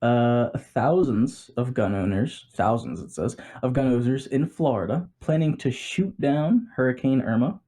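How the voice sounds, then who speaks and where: A man's voice: mid-range voice, lively intonation, a little slow, few pauses, dark tone. A man hosting a casual podcast chat, reading out odd headlines and laughing often. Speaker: podcast host.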